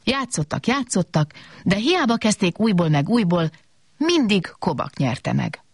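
Expressive woman reading a children's story. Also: mid-range voice, husky, dry recording, studio quality. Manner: animated, expressive.

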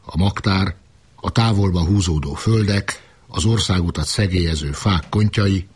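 A man narrating a literary novel in a measured, unhurried reading. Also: deep voice, breathy edge.

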